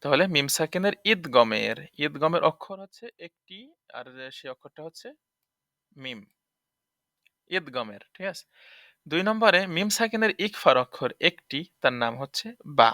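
A man teaches tajweed rules, going over each point again and asking if it is clear. His voice sits a little high and sounds bright. The recording is close and dry. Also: big pitch swings, normal speed, dry recording. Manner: explanatory, repeats points and checks understanding. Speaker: Quran recitation teacher. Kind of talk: tajweed lesson explaining rules.

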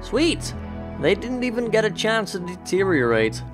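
A man's voice: high-pitched, big pitch swings, a little slow. A young man casually commentating his gameplay in a chatty, upbeat way, thinking aloud as he plays. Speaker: let's play host. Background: background game music.

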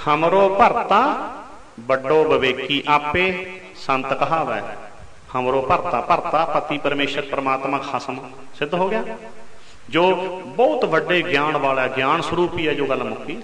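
A man preaching a Sikh katha sermon, his voice high and ringing. He draws out chanted scripture lines, then presses on with pointed rhetorical questions. The sound is bright and carries a long reverb, as in a large hall. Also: normal speed.

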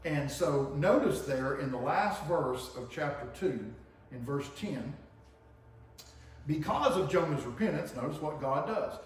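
Heard from far off through a distant camera's room mic, a middle-aged Tennessee man preaches in a church sanctuary with a projector screen. His high-leaning voice is lively and measured, and he teaches conversationally, frequently asking "okay?" and "right?". The church is very echoey, with slight background noise.

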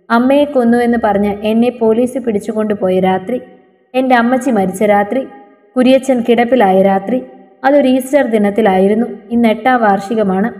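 A woman voicing a brooding young man, an ex-convict full of grief, in a subdued, low reading. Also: moderate pace, warm tone, soft background music, close to an everyday voice. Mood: grieving. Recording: long reverberant echo.

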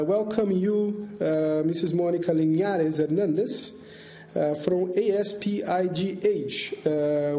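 A man's voice: on the high side, warm tone. A man moderating a webinar panel over a video call, hesitant, with many fillers and repeated words. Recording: echoey room.

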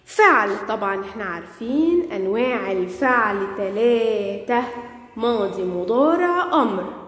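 Egyptian woman, primary teacher, animated and questioning, echoey reverberant room. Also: medium pitch, a little slow. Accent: Egyptian Arabic. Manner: lively, questioning, praising pupils. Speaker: primary school Arabic teacher. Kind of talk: classroom grammar lesson.

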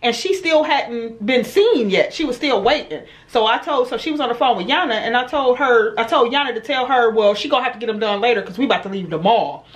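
A woman's voice: fairly high pitch, animated, a little fast, hardly any pauses. A woman chatting casually to her handheld camera as a family vlogger and mother, laid-back and slangy, laughing often. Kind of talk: casual vlog chat to camera. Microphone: handheld compact camera.

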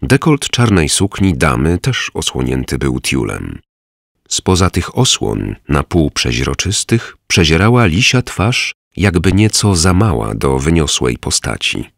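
A man narrating an audiobook in a measured, descriptive way. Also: a bass voice, sing-song, creaky, a bit bright, no room sound, studio quality.

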